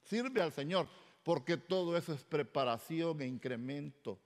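A man's voice: on the high side, normal speed. A middle-aged male pastor, telling his conversion story in a sermon and acting out the dialogue. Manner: storytelling, animated, acts out quoted dialogue. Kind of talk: sermon testimony. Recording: long hall reverb.

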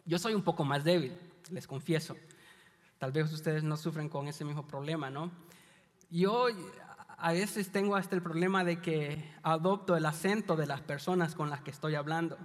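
Male pastor from El Salvador, high register; chatty, confiding sermon delivery; long hall reverb. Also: moderate pace. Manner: conversational, confiding, with light humor. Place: church hall.

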